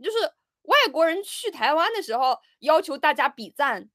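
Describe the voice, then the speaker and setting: A woman giving casual political commentary, animated, with frequent fillers and pointed rhetorical questions. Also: high-pitched, normal speed, dry recording, studio quality.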